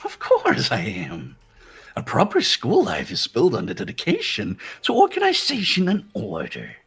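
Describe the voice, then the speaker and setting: In a fan dub of a visual novel game, a man voices a robot bear headmaster who is gleefully menacing and mocking, using an exaggerated, pushed-up voice that's a little high, a bit bright and slightly rough. His pitch swoops wildly in sing-song fashion at normal speed, theatrical and teasing. The mood is smug and taunting.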